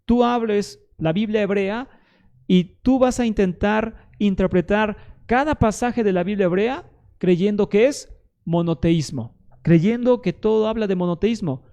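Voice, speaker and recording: A man's voice: high-pitched, a little slow, mellow. A man presenting a Bible history lesson straight to the viewer, emphatic, arguing with the objections he imagines the listener raising. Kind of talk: direct-to-camera teaching monologue.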